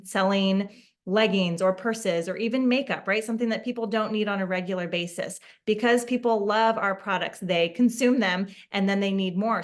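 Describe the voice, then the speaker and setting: A woman speaking as an MLM recruiter on a video call, giving a casual, persuasive testimonial and sales pitch with frequent check-in tags. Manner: chatty, peppers talk with "like" and "right?". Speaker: MLM recruiter and distributor presenting an opportunity call. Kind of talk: casual online sales presentation.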